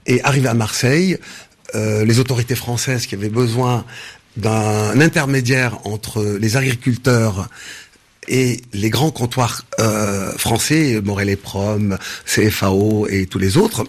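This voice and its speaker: A man in his sixties from Senegal, answering interview questions in a measured way with frequent hesitations and restarts. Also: lowish voice. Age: 60s. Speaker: interview guest, business founder.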